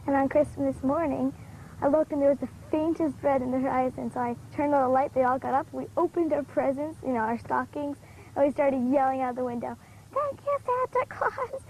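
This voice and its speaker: High-pitched woman telling a lively story. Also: fairly quick, slight background noise, poor audio. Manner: animated storytelling, acting out quotes. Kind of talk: reminiscing in an interview.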